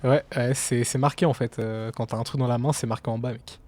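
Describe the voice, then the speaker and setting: A man's voice: mid-range voice, fairly even intonation, fairly quick, a little mellow. A young adult man, chatting casually and bantering in slang while gaming. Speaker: streamer.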